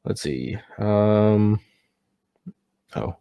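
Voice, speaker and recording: A man's voice: on the low side, lively intonation, extremely slow, gravelly, warm tone, smooth. A man giving a casual, unscripted movie review, sounding tipsy as he stumbles over words and catches himself.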